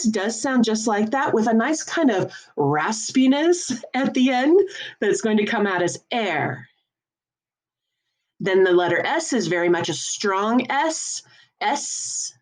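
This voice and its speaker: A woman teaching a French lesson, explaining each point patiently and enunciating clearly. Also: medium pitch, lively intonation, moderate pace. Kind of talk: classroom lesson.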